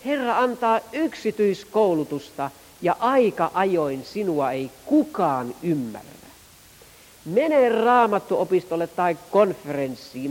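A man preaching a Pentecostal sermon, moving between quiet, hushed passages and raised, fervent ones. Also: high-pitched, big-room sound, rough recording.

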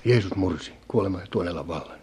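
A man preaching a fervent sermon as an evangelist, repeating phrases and swinging between loud calls and hushed asides. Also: sits low, husky.

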